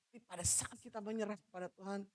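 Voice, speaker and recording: Woman pastor preaching loud and animated, high voice, cracks jokes, walks around. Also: moderate pace. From Manado, Indonesia. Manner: loud, animated, moves about while preaching; jokes with the congregation. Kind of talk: lively sermon.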